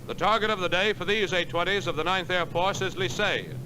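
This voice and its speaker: A man narrating a 1940s wartime newsreel in a crisp, measured announcer delivery, heard as an old newsreel soundtrack. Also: high-pitched. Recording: noisy archival film soundtrack.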